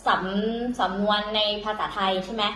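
A woman's voice: on the high side, steady tone, moderate pace, fairly bright tone, reverberant, slight background noise, rough recording. A woman teaching in a casual, chatty way, full of fillers and self-corrections, talking to viewers as younger siblings. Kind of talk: casual vlog-style lesson.

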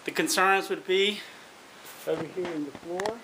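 A man's voice: high voice, unhurried, sharp tone. A man giving a casual walk-through commentary inside a small empty trailer, recorded on a handheld phone. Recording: noisy handheld recording with clicks.

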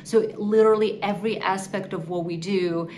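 In a prepared interview filmed in an indoor office against a wall, a Ukrainian woman who is a nonprofit executive speaks earnestly and articulately to camera. Her medium-pitched voice has a darkish tone and fairly even intonation at normal speed, over a little hiss or hum.

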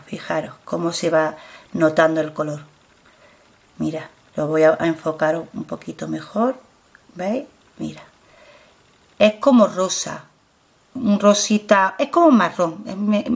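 A woman's voice: on the low side, unhurried, creaky, long pauses. A middle-aged woman with a Spanish accent from Spain, chatting casually as she shows her products on camera and repeating herself as she urges viewers to look closely. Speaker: beauty vlogger.

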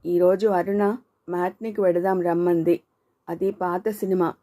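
A woman's voice: fairly low pitch, steady tone, moderate pace, dark tone, natural voice. A woman voicing Meera, a reserved and anxious young woman who answers guardedly. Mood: uneasy. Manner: hesitant, guarded replies.

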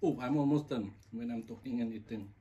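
A man chats at the dinner table in a relaxed, teasing way, questioning his wife between bites. His voice is mellow and dark. A faint household noise hangs behind him. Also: medium pitch, a little fast, muffled recording. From Manipur, India. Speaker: vlogger and husband. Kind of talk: casual chat over a meal. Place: home kitchen or dining table.

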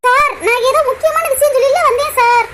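A timid young village woman in a cartoon, with a squeaky, very high voice and a Kanyakumari Tamil accent. She pleads anxiously and keeps deferring to the man she loves. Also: steady tone, brisk, noisy background. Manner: pleading, keeps saying sir. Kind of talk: cartoon voice acting.

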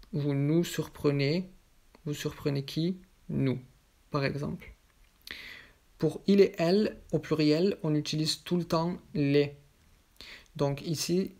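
Working through examples one by one, a French teacher pairs each with a question and its answer in a voice-over grammar lesson. The voice has a medium pitch and a somewhat dark tone.

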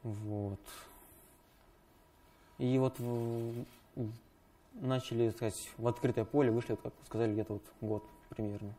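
A young man from a study circle, answering panel questions in a halting, loose way with fillers. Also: mid-range voice, level tone, warm tone, a little hiss or hum. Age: young adult. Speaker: member of a student study circle. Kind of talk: casual answers in a panel discussion.

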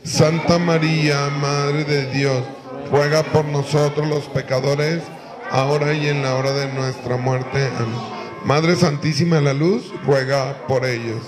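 A man's voice: a little high, steady tone, unhurried, over music. A middle-aged man with a Mexican accent, a priest leading a couple through a wedding mass in a large church, giving directions with light jokes. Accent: Mexican Spanish. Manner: directive, gently joking.

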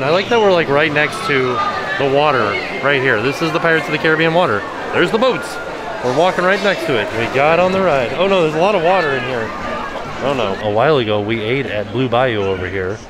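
A man's voice: medium pitch, brisk. A man around his forties with an American accent, chatting casually and upbeat as a vlogger into a handheld camera. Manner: animated, upbeat. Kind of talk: casual chatty vlog narration. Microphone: handheld camera at arm's length. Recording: busy crowd noise behind handheld camera.

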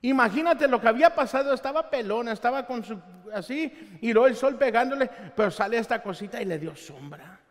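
A male pastor delivering a sermon during a live church service, telling Bible stories in an animated way and acting out what the characters say. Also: very high-pitched, a little fast, hardly any pauses. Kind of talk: Spanish-language sermon. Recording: long reverb of a church hall.

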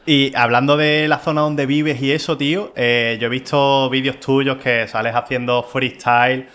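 A man's voice: mid-range voice, normal speed. Easygoing man hosting a chat. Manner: relaxed, informal questioning with filler words like "tío". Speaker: podcast host. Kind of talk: casual interview chat.

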